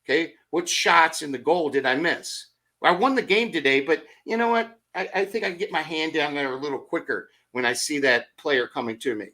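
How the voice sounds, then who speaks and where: Middle-aged guy on a motivational podcast, bright punchy voice, kinda high, keeps asking rhetorical questions and acting out his own thoughts. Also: fairly quick. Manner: energetic storyteller with rhetorical questions; acts out his own thoughts in quoted asides. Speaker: podcast guest.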